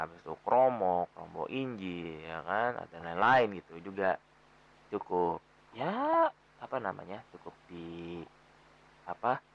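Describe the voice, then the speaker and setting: A young man from Jakarta, Indonesia, hosts a podcast in a Betawi accent, his lowish voice coming through dull audio. He talks loosely and casually, rambling along with plenty of fillers and self-corrections.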